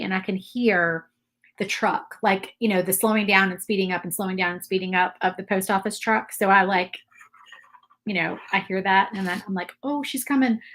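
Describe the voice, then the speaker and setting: Painting live for her viewers, a craft livestream host from Virginia, USA, chats in a rambling, friendly way with a mountain Appalachian accent. Her middle-pitched, slightly bright voice keeps a steady, casual flow, and she reads viewer comments aloud.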